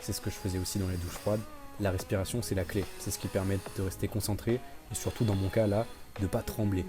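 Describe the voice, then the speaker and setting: A man's voice: low voice, little pitch movement, fast talker. A man narrating his own experience in a casual, conversational voice-over. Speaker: vlogger. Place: voice-over recorded separately. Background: guitar music.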